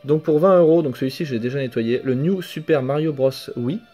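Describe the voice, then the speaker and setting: A young man talks through his finds in a casual show-and-tell vlog, relaxed and a bit hesitant, often stopping to correct himself. His voice is mellow and mid-pitched. A faint music bed plays quietly behind him. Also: fairly quick, highs cut off. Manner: relaxed, hesitant, many fillers and self-corrections. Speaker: video game collector vlogger.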